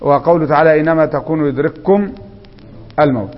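Egyptian male grammar teacher, higher voice, quizzes class, echoey hall. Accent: Egyptian Arabic. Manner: quizzing students, slow drawn-out recitation of examples. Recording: echoey hall, dull lo-fi sound.

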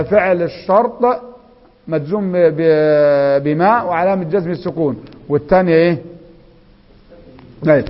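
A man with an Egyptian accent teaching Arabic grammar, quizzing students and reciting examples slowly and drawn out. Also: fairly high pitch. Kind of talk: classroom grammar lesson. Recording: echoey hall, dull lo-fi sound.

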